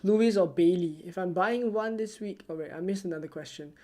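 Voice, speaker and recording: Fielding viewer questions during a live stream, the fantasy football streamer from Singapore talks fairly quickly, keeping his delivery soft and low-key, close to ASMR.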